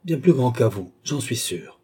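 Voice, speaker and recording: A man's voice: mid-range voice, expressive, normal speed, dark tone, breathy edge, voice pushed up. A man reading an audiobook, voicing an indignant, hot-headed young nobleman who accuses and raises his voice. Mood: furious.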